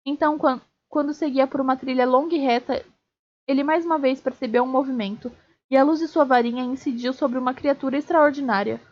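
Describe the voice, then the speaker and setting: A woman streamer reading a novel aloud, steady, with small slips and restarts. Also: high voice, a little fast. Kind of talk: live read-aloud of a novel. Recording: dull lo-fi stream audio.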